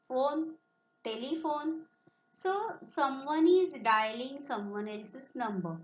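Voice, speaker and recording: A woman's voice: sits high, a bit bright. A woman teacher with an Indian accent giving an online lesson, explaining in English and Marathi and imitating animal sounds. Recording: roomy, muffled lo-fi sound.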